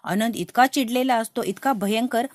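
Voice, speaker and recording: A woman's voice: fairly high pitch, normal speed, no echo. A woman narrating a TV serial episode recap in a dramatic storytelling way.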